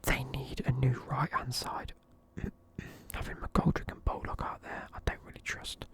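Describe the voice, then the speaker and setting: A young man's medium-pitched voice stays monotone and measured as he whispers the whole way through a casual video. Sleepily, he reviews football teams and swears offhandedly.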